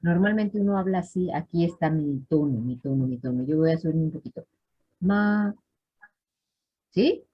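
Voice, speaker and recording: A woman's voice: deep voice, fairly quick, few pauses, slightly rough. A woman teaching a live class, explaining patiently and checking in often with her students. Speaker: language teacher. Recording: dull lo-fi online class audio.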